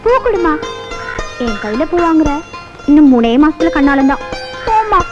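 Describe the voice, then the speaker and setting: A woman's voice: high-pitched, sing-song, moderate pace, muffled recording, music in the background. An actress playing a cheeky young flower-selling girl in a 1980s film, teasing and saucy in tone.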